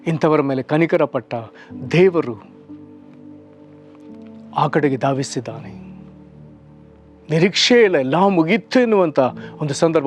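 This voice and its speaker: A man preaching a short devotional sermon, earnest, slowing and stretching phrases for emphasis. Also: fairly high pitch. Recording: soft music underneath.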